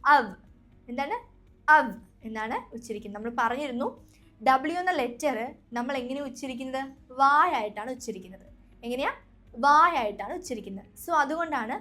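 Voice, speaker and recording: A woman's voice: fairly high pitch, a bit bright. A young woman with a Malayali accent teaching an English lesson, patiently repeating each sound and quizzing her listeners. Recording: faint background music.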